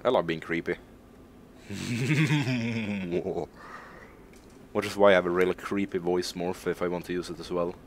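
A male gaming streamer from Sweden talks casually over his gameplay, wandering from one aside to the next. He mocks himself and swears offhandedly, with a lowish voice and faint hiss behind him. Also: little pitch movement, quick pace, hardly any pauses. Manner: rambling, joking, self-mocking, swears casually.

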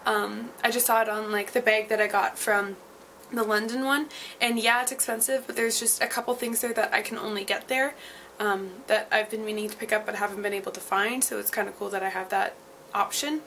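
A woman's voice: mid-range voice, fairly even intonation, a little fast, a bit bright, a little hiss or hum, poor audio. A woman in her twenties chatting casually to her vlog camera, rambling along with frequent ums. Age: 20s. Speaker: vlogger.

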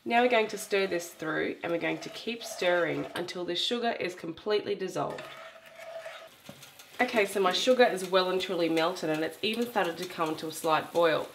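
A woman's voice: fairly low pitch, moderate pace, roomy sound, slight background noise. A woman, hosting a cooking demonstration in her home kitchen and explaining each step in a chatty, instructive way. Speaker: cooking show host.

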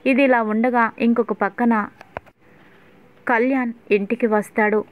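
A woman narrating an episode recap of a TV serial in a steady storytelling manner, on tinny phone-like audio. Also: a little high, a little slow.

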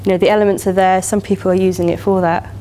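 A woman in her thirties with an English accent delivers a conference keynote from a lectern in a lecture hall, chatty and enthusiastic with many "you know" fillers. Her mid-range, warm voice is rapid-fire with little pitch movement, and there's a little hiss or hum.

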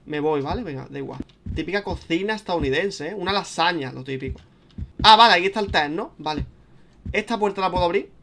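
A young man with a Spain Spanish accent, chatting casually and swearing as he plays a video game, turning panicky and loud when scared. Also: high voice, expressive, fast, slight background noise. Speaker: gaming streamer. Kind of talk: casual let's-play commentary.

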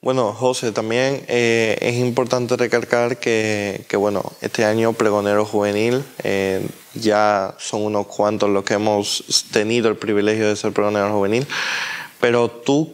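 A man's voice: mid-range voice, level tone, moderate pace, clean tone. A young man interviewing on camera inside a church, with hesitant, wordy phrasing. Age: young adult.

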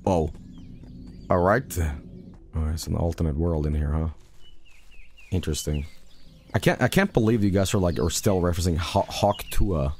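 A young man streaming a game, rambling profanely and breaking into sudden loud outbursts. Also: deep voice, normal speed, pauses often, a little hiss or hum. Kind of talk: casual live-stream commentary.

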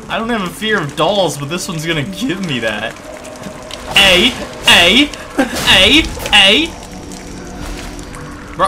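A young man doing casual, jokey gameplay commentary, excitable, with sudden yelps and muttered asides. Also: high-pitched. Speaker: gaming streamer.

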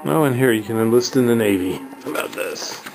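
A man with a medium-pitched voice talks a little fast over music, and the audio is poor. He sells antiques gathered from hauling jobs, and while filming a casual handheld video tour he rambles in a plain-spoken way, reading old items aloud.

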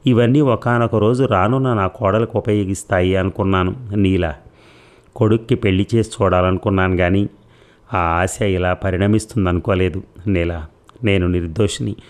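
A man voicing an elderly mother-in-law who pleads earnestly and calmly, in an audio story. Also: deep voice, normal speed, natural voice. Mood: pleading.

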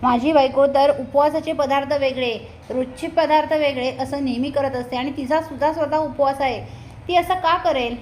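A woman's voice: high-pitched, fairly even intonation, moderate pace, darkish tone, slight background noise, close to an everyday voice. A woman voicing a young husband who defends his wife against accusations. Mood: protective.

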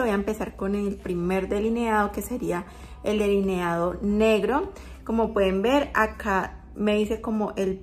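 A woman's voice: medium pitch, a little mellow. A woman vlogger talking through a makeup tutorial, chatty and explaining each step as she goes.

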